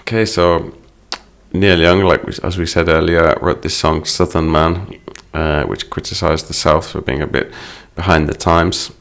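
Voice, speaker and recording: A man's voice: deep voice, fairly even intonation, a little slow, gravelly, a bit bright. A man teaching English by explaining song lyrics line by line, in a patient, explanatory manner.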